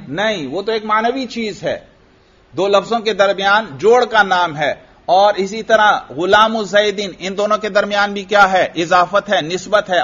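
A man with a high voice teaches a grammar lesson, putting questions to the class and answering them himself. He goes back over each point patiently. The recording is dull and lo-fi. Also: a bit bright. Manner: repeats points for students. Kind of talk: Arabic grammar lesson in Urdu.

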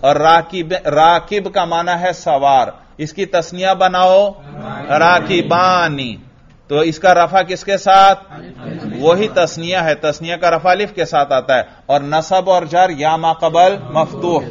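A man's voice: on the high side, fairly even intonation, slow. A man teaching a grammar lesson, drilling his class with questions and answering them himself. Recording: dull lo-fi recording.

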